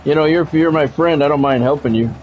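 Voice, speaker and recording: Slightly high and a little fast, the voice of this American game streamer carries casual, blunt talk between commentary on the action. The lo-fi recording is dull, with music and slight background noise.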